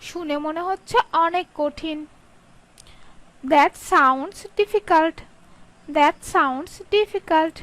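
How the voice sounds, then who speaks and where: A woman teaching English sentences, reading a Bengali line quickly and then saying each English sentence slowly twice. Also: extremely high pitch, fairly bright tone, poor audio. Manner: slow, carefully spaced delivery, Bengali read quickly, English drawn out.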